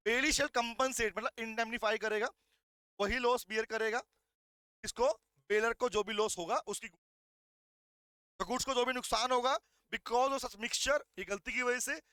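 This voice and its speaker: Male law tutor, forceful delivery, dry close recording, slow statute reading, rhetorical questions to students. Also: very high voice, fairly even intonation, smooth, dry recording. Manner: asks rhetorical questions and calls students "beta"; reads the statute lines out slowly, word by word. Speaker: law lecturer. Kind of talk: recorded exam revision lecture.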